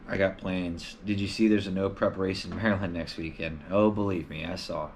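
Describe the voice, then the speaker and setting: A man's voice: sits low, fairly even intonation, fairly quick, vocal fry, slight background noise. A man hosting a casual live stream from home, answering viewer questions in a loose, rambling way with lots of filler words.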